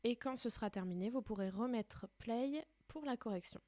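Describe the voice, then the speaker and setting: A woman's voice: fairly high pitch, normal speed, a little mellow, no room sound. A woman teaching a primary school class in a recorded remote lesson, explaining patiently step by step.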